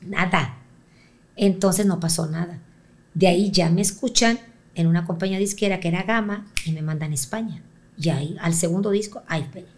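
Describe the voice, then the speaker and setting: A middle-aged woman with a Mexican accent, a guest telling stories from her life in a relaxed interview, animated and quick to act out other people's voices. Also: fairly low pitch. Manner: animated, acts out quoted voices. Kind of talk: storytelling in a conversational interview.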